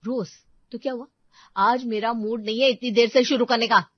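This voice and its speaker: Brief: a woman playing a furious cartoon housewife, biting and sarcastic, high-pitched, dry lo-fi read. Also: steady tone, moderate pace, no echo, lightly acted. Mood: scolding. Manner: harsh, shouting, sarcastic. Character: angry scolding young housewife. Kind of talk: cartoon storybook voice acting. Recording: dull lo-fi voice track.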